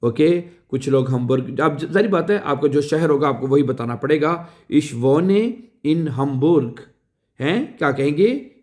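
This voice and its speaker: A man giving a language lesson, saying each phrase slowly and repeating it, often checking with "right?". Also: on the high side, darkish tone. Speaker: language teacher.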